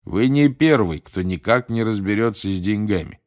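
A man voicing a curious, plain-spoken campsite keeper who talks slowly and thoughtfully, in an audiobook reading. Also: fairly low pitch, expressive, natural voice. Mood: musing. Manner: slow, unhurried, musing.

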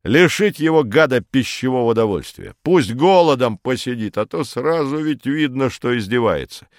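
A man voicing a crude, loud male bureaucrat who blusters coarsely. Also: medium pitch, expressive, moderate pace, no echo, studio quality, pitched above the performer's own voice, close to an everyday voice. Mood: blustering.

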